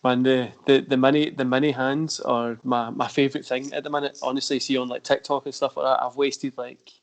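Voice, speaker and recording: A man's voice: mid-range voice, little pitch movement, brisk. A man with a Glaswegian accent hosting a podcast in an easygoing way, laughing often. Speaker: podcast host. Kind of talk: casual podcast chat.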